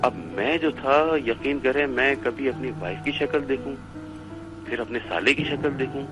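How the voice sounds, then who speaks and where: A man's voice: medium pitch, moderate pace, music in the background. A middle-aged man from Pakistan, casually telling a haunting story and acting out his family's words. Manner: animated, acts out family members' lines.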